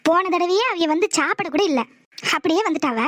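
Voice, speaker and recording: Woman doing a shy wife in a cartoon, twang, super high squeaky voice, hesitant and pleading. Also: a little fast, no echo, clean studio sound. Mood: earnest. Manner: hesitant, pleading, soft-spoken. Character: timid young village wife, a former maid. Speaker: voice actor. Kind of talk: cartoon voice acting.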